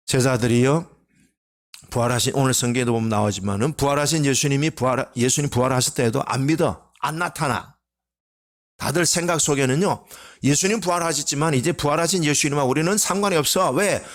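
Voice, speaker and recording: A man's voice: medium pitch, fairly quick. A middle-aged male pastor preaching a sermon, voicing Jesus in raised, emphatic bursts.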